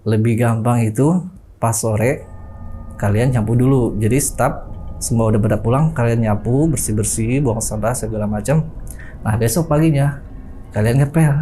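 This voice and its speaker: A man's voice: mid-range voice, moderate pace, dark tone, a little hiss or hum. A young man casually telling a personal ghost story in a chatty way, often calling his listener "Bang" and imitating the sounds he heard.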